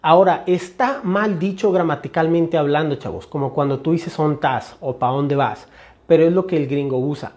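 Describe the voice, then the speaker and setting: Un hombre con acento mexicano que enseña inglés y explica fonética con ejemplos repetidos, dirigiéndose a su clase como «señores». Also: male voice, on the high side, normal speed, a little mellow. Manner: explanatory, repeats examples, addresses class as señores. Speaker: English teacher. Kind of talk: phonetics lesson.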